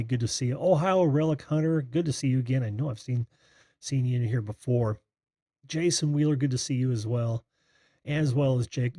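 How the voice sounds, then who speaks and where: A breathy American man hosts a casual live call-in stream. His tone is soft-edged and dark, in a dry-sounding space. He rambles in a distracted way and addresses viewers like old friends. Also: medium pitch, no room sound. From Indiana, United States. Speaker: host of a live call-in show.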